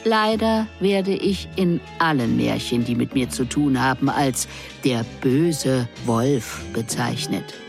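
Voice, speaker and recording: A woman reading a first-person story aloud in a measured, expressive way. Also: extremely low pitch, vocal fry. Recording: music underneath.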